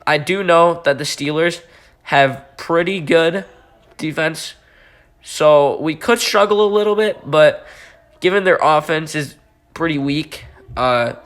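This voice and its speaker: A man giving casual gameplay commentary over his football video game footage, talking in a halting way with many fillers. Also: on the high side, fairly bright tone. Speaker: gaming YouTuber.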